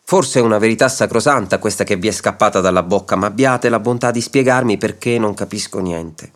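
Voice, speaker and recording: A man voicing a calm, patient judge who reasons gently, in a radio story reading. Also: on the low side, brisk, close to an everyday voice. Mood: puzzled. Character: patient, wry male judge.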